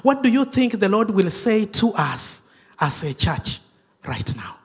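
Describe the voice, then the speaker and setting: A male preacher with a high voice and a husky edge delivers a sermon in a church. He swings between raised, emphatic lines and a hushed whisper, often repeating himself as he goes. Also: big pitch swings, unhurried. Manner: dramatic drops to a hushed whisper; repeats himself, self-correcting restarts.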